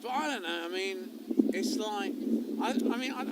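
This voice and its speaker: A man's voice: sits high, expressive, moderate pace. A young man co-hosting a podcast, rambling and swearing in casual chat. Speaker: podcast co-host. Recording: loud background noise.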